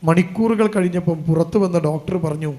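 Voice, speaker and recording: Man, high voice, preacher, sermon, emotional storytelling, emphatic appeals. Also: a little fast, mellow. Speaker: Islamic preacher.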